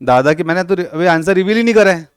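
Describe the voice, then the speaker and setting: A man's voice: high voice, animated, quick pace, clean tone, no echo, clean studio sound. Joking man teaching a coaching class. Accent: Hindi-English mixing, Rajasthan. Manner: joking, teasing students, acting out scenes. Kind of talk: classroom lecture.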